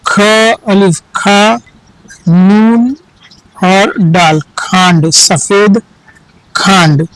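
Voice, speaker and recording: A man with a high, fairly bright voice teaches children to read Urdu, spelling each word out letter by letter, repeating it, and correcting common misreadings. It's a slow, spelled-out reading lesson, captured in a low-quality recording with no room sound.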